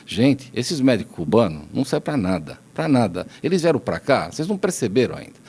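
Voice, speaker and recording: A man's voice: medium pitch, very animated, brisk, a little mellow, breathy edge. A Brazilian man, a doctor on a podcast panel, speaking indignantly with emphatic repetitions. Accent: Brazilian Portuguese. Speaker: doctor guest commentator. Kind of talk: opinionated podcast discussion.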